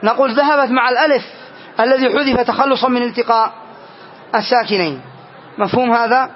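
A man teaching Arabic grammar in a classroom lesson, repeating key phrases and often asking his students if it is clear. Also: very high-pitched, a little fast, slight background noise. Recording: dull lo-fi lesson recording.

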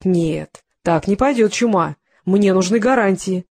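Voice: medium pitch, measured pace, vocal fry, darkish tone, no room sound. An audiobook reader voicing a tense man under threat, muttering his replies. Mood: pleading. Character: tense male ex-soldier forced to defuse bomb.

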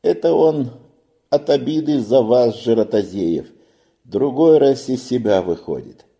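A man voicing a friendly sailor who coaxes and reassures in a brisk, folksy way. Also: medium pitch, lively intonation, gravelly, mellow, voice pushed up. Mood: coaxing. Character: friendly young male ship's sailor, reassuring.

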